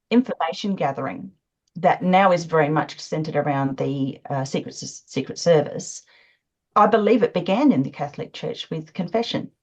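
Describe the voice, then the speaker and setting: A woman's voice: sits low, darkish tone. A woman speaking earnestly on a video call, with frequent fillers. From Australia. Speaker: panel guest. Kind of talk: conversational commentary on a video call. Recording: dull lo-fi call audio.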